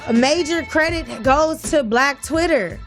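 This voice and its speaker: Skeptical woman co-host, higher voice. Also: unhurried, fairly bright tone, soft background music. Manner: skeptical, laughs easily. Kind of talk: casual hip hop talk show banter.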